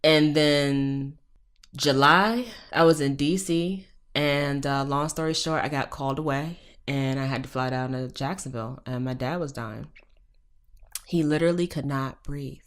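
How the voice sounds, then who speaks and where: A woman's voice: a bass voice, unhurried. A woman in her thirties, a professor guest on a podcast, telling a personal story frankly and emphatically, with profanity and pointed rhetorical questions.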